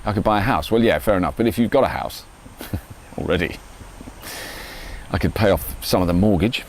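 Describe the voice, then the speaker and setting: A man's voice: sits low, moderate pace, a little hiss or hum, low-quality recording. A middle-aged man, rambling in a casual, self-mocking vlog monologue from his garden. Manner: chatty, self-mocking, animated. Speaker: vlogger. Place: garden, outdoors.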